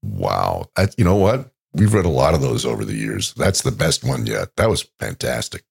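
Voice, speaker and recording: A man's voice: extremely low pitch, wildly swooping pitch, normal speed. A man co-hosting a podcast, answering in short, dry remarks during casual chat. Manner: short dry responses, gravelly laugh. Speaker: podcast co-host.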